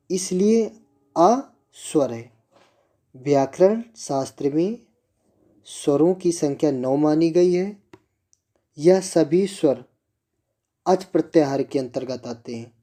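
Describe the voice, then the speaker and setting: Slow, patient, very dark-voiced male teacher. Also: a little high. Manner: slow, patient, asks the class questions and answers them himself. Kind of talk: classroom lesson on Sanskrit grammar.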